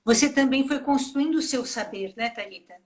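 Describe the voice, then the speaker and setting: A woman's voice: high-pitched, moderate pace. A Brazilian woman hosting a live interview, affirming her guest and asking questions. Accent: Brazilian Portuguese.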